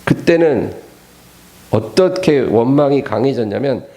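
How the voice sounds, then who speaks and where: A male pastor giving a weekday sermon in an animated way, with a gravelly voice. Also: mid-range voice, measured pace. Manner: animated, acts out the scripture quotes.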